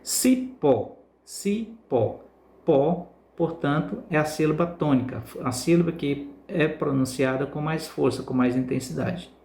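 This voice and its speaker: A male Brazilian Portuguese teacher giving a recorded class lesson, repeating words slowly to stress their syllables. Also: fairly high pitch, steady tone, creaky, darkish tone, echoey room. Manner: slow, drawn-out word repetition for emphasis.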